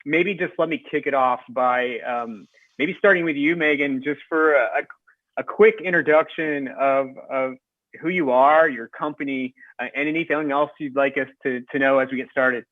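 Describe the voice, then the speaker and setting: A man's voice: mid-range voice, no room sound. Man moderating over tinny audio. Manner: halting, introducing guests. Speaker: panel moderator. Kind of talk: moderating a conference panel. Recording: tinny phone-like dry audio.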